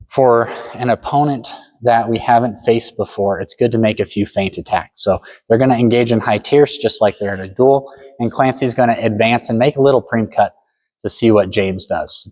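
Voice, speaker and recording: A man's voice: medium pitch, darkish tone. A man giving a step-by-step demonstration lesson as a fencing instructor, matter-of-fact and full of directions.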